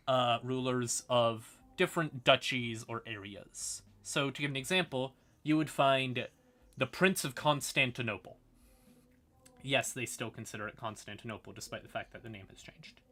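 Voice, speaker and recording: This man's medium-pitched voice comes out pushed and bright as he explains fantasy lore on a laid-back stream. He's halting and dry-humored, with frequent asides to his chat.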